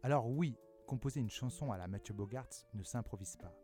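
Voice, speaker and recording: A man hosting a radio culture segment, reading a book excerpt aloud in a measured way. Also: medium pitch, warm tone, faint music behind. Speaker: radio magazine host.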